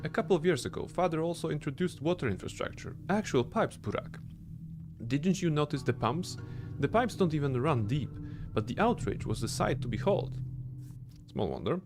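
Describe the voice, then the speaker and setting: Brief: male streamer voicing a haughty young rich heir, lively pitch, game dialogue read aloud, faint music. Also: normal speed. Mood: lofty. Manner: lofty, formal reading of game dialogue.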